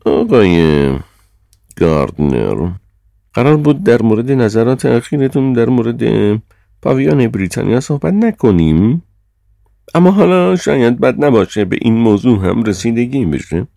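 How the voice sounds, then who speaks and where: A man's voice: mid-range voice, animated, creaky, warm tone, dry recording, clean studio sound, pitched above the performer's own voice. A man reading an audiobook, voicing a stern, pompous British official man with a raised, clipped, indignant delivery.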